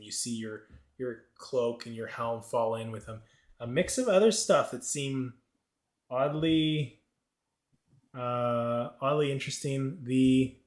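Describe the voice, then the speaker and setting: A man narrating a tabletop game as game master, halting and searching for words. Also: medium pitch.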